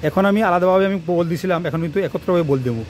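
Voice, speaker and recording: Male electrician, fast and repetitive on a phone mic, faint noise behind. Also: sits high, a little mellow. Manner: fast, rambling, repeats himself while working. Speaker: electrician teaching wiring on his channel. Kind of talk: hands-on tutorial talk to camera. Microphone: phone camera propped nearby.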